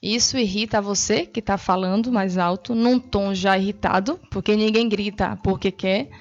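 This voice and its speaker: A Brazilian woman speech therapist explaining hearing care clearly and patiently in an interview. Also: medium pitch, fairly even intonation, moderate pace. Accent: Brazilian Portuguese. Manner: clear, didactic, reassuring. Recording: dull lo-fi broadcast audio.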